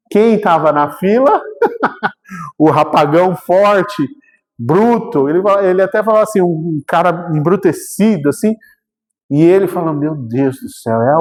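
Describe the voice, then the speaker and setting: A man with a high voice and a Brazilian Portuguese accent is a guest speaker telling a story during a spiritual talk. He narrates it in a lively way, acting out the quotes and checking in with listeners, while a long hall reverb trails his words.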